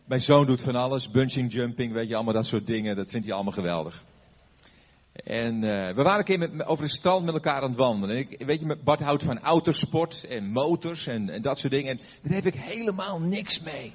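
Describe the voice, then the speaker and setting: Older male pastor with a husky voice, chatty storytelling sermon, dull lo-fi recording. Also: medium pitch, expressive, brisk. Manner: conversational storytelling with fillers and questions to the audience. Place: before a live audience.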